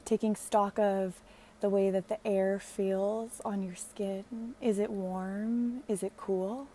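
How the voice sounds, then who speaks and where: Guiding a meditation, a woman uses a calm, mellow voice of medium pitch. Her speech is very slow, gentle and hushed, soothing in tone, with long gaps between phrases and faint noise behind her.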